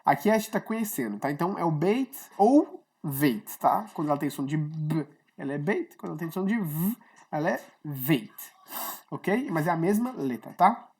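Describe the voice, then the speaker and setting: A woman teaches an informal online lesson with a slightly low voice. She explains patiently and conversationally, checking in often with her students. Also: sing-song, moderate pace, a little mellow, husky. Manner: chatty, explains step by step, keeps checking with "tá?". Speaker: Hebrew teacher.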